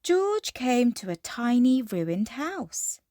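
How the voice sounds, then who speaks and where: A woman reading a children's storybook aloud in an expressive, measured fairy tale opening manner. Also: fairly high pitch, no room sound, studio quality.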